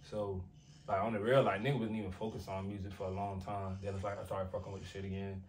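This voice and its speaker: A low, darkish voice with a level tone and quick pace belongs to a young American rapper talking casually in an interview. His speech is slangy and relaxed, full of "like" and "you feel what I'm saying." He's far from the mic, with a bit of hiss or hum.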